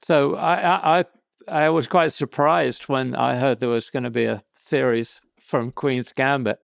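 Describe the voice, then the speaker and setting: A man's voice: mid-range voice, fairly even intonation, unhurried, creaky, no echo. A man hosting a podcast interview, asking curious questions and giving short agreeing replies. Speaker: podcast host. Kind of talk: casual interview chat.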